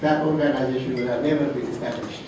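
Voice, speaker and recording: Man from Africa, halting tribute speech, far off in a very echoey room with clear noise. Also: mid-range voice, steady tone. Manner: soft-spoken, halting, many fillers. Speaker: colleague giving a tribute. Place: reception room. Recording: roomy, distant, noisy room recording.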